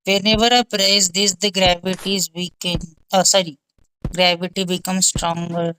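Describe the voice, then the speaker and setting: A woman's voice: lowish voice, flat delivery, normal speed, sharp tone, a little hiss or hum, rough recording. A young woman hosting a gaming channel, thinking aloud through gameplay commentary in a muttering, exasperated way.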